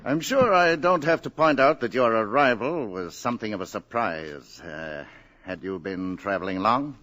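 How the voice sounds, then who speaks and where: An actor playing a polite, hesitant male government secretary in a 1950s radio drama, often pausing with "uh". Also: on the low side, expressive, sharp tone. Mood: uneasy. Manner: polite, hesitant, with many uhs.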